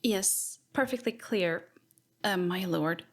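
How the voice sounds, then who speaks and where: In a sci-fi audio drama, a woman plays an eccentric, curious tech-priest scholar who is affectionate and a little nervous. Her mid-range voice takes things slowly, carrying a mood of nervous pleading.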